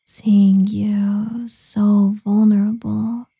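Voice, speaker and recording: A woman voicing a seductive, doting female succubus lover in an ASMR roleplay, whispering softly and cooing pet names. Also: mid-range voice, level tone, drawn-out words, gravelly, husky, no room sound, muffled recording, heavily acted.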